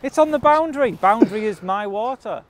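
A man's voice: sits high, animated, brisk. A British man in his thirties in casual banter as an angler out on a lake bank. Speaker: angler in a fishing challenge. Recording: clear outdoor ambient noise. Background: outdoor ambience.

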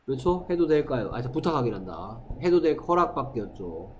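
A male English teacher, giving a classroom lecture and drilling English phrases slowly. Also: mid-range voice, sing-song, a little hiss or hum, rough recording. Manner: drills phrases slowly, acts out loud quarrels with students.

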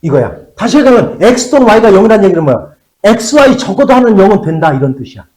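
Male math teacher, fairly high voice with swooping pitch, drills students with questions, drags out key phrases. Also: very animated, a little mellow, roomy sound. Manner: asks students questions and answers them himself; drawls key phrases slowly for emphasis. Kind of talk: classroom math lecture.

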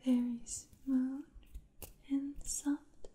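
A young woman playing a gentle Vietnamese princess in an ASMR role-play, speaking in a soft, breathy soft voice with a Vietnamese accent and short, soothing, attentive phrases. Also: sits high, flat delivery, very slow. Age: young adult.

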